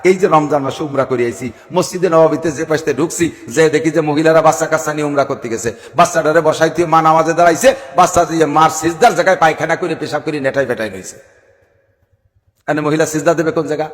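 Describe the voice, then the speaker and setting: A man's voice: on the high side, fast. A man preaching to a gathering, emphatic and full of rhetorical questions. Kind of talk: sermon at a religious gathering. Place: large outdoor gathering with PA sound. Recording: public address sound with long reverb.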